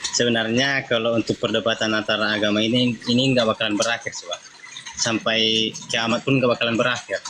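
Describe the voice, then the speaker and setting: A man joining a live-stream debate as a caller, speaking in a calm, measured, slightly hesitant way. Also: on the low side. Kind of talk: casual debate talk. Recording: noisy call with clattering dishes behind.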